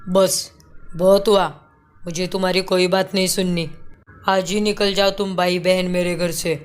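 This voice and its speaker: A woman's voice: fairly low pitch, flat delivery, a little slow, lightly acted. A woman voicing a short-tempered young husband in a cartoon story, scolding sharply. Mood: angry. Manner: angry, scolding.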